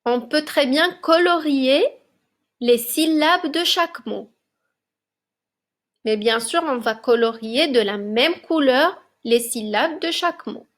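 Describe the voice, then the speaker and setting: A woman teacher with a fairly high voice works through a spelling lesson at a very slow pace. She articulates each word with care and encourages the children between exercises. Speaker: primary school teacher. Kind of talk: slow, deliberate classroom dictation. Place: classroom recording for remote lesson.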